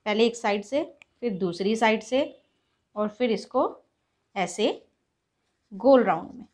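Medium in pitch, unhurried, and a little mellow, this woman's voice belongs to a cooking-channel host. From her home kitchen with a gas stove, she patiently explains each stage of a recipe, speaking instructively and treating her viewers as friends.

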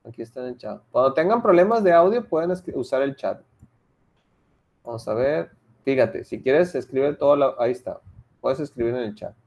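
A woman's voice: rumbling low, lively intonation, normal speed, creaky, muffled recording. A woman teaching an English class online, explaining patiently step by step and mixing English example sentences into her talk.

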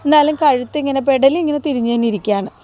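Fast-talking woman recapping a TV serial. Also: high-pitched, dark tone. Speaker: TV serial episode reviewer. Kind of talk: chatty storytelling recap.

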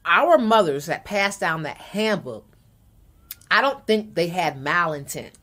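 A woman co-hosting a podcast who lays out her view in a measured, step-by-step way in casual chat. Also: fairly low pitch, lively intonation, fairly bright tone. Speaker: podcast co-host.

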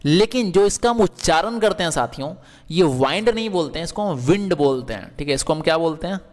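A man's voice: fairly high pitch, animated, fast, long reverb tail. A man teaching English verbs in Hindi, asking questions and answering them himself, with frequent checks that the class is following.

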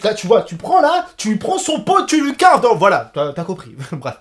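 Lively, swearing young man reacting. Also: sits high, normal speed. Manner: swearing, joking, animated rants. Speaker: YouTuber reacting to a TV show. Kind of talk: casual reaction commentary.

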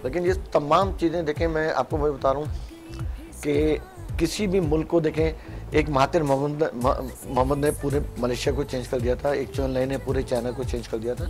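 A man talking as a guest on a morning show, arguing his point in a measured way in a casual studio discussion. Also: fairly high pitch, fairly even intonation, faint music behind.

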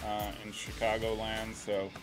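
A man's voice: lowish voice, monotone, a little slow, music in the background, low-quality recording. A middle-aged man hosting an interview over a video call, talking with many ums and restarts into a studio mic with a headset. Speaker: interview host, soccer coach. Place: home room.

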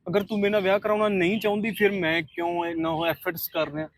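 In a short film drama, a man plays an earnest young suitor who pleads and reasons gently. His voice sits a little high for a man, and he keeps a patient, coaxing tone. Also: level tone, fast talker, natural voice.

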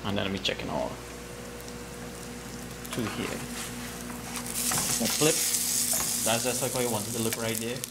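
A man in his thirties with a Trinidadian accent, calmly explaining a recipe step by step in his home kitchen. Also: lowish voice, unhurried, vocal fry, pauses often, heavy background noise. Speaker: home cook. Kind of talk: cooking demonstration. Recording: echoey kitchen with loud sizzling. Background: frying sizzle.

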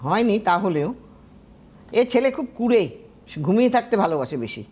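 A woman's voice: mid-range voice, sing-song, normal speed, a little mellow, breathy edge. A woman astrologer, giving firm, emphatic predictions to callers on a TV call-in show.

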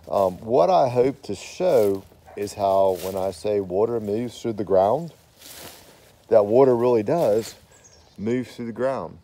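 Filming himself on a handheld phone in a wooded backyard, a landscaping contractor gives a plainspoken, folksy walk-through. His fairly low voice is gravelly and warm, with a little hiss or hum on the recording.

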